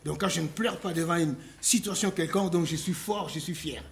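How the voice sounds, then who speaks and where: A man preaching a sermon, posing rhetorical questions with dramatic pauses and reading scripture aloud in a slowed, solemn cadence. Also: on the high side, creaky, a little hiss or hum.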